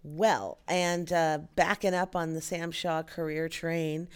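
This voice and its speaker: Woman host, lowish voice, friendly teasing, studio mic. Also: slow pace, smooth. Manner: warm, encouraging, teasing. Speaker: podcast host. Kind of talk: casual interview. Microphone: studio microphone.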